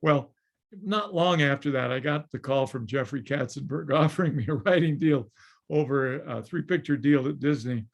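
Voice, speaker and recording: A man's voice: medium pitch, moderate pace, gravelly. An older man telling showbiz anecdotes as an interview guest, chuckling and acting out the people he quotes over a video call. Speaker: guest, former studio story editor and screenwriter.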